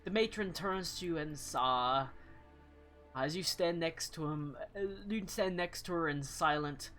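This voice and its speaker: A man's voice: a little high, a little slow, pushed and bright, soft background music. A man narrating as game master of a tabletop game, casual and full of fillers as he describes the scene.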